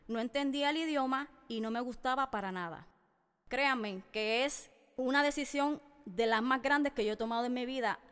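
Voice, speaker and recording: With a slightly high, somewhat bright, clean voice, this Puerto Rican podcast host in her thirties delivers a personal monologue in her native accent. She speaks straight to her listeners with emphasis, while a long hall echo reverberates through the recording.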